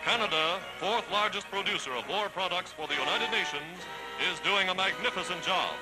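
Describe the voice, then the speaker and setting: High-voiced man doing 1940s newsreel narration. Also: normal speed, rough recording. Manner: emphatic, declamatory announcer delivery. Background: loud orchestral music.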